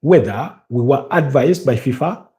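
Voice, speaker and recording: A man from Africa runs a football watch-along with live match updates and casual news, his delivery deliberate and hesitant with repeated phrases. His medium-pitched voice is expressive and dark in tone.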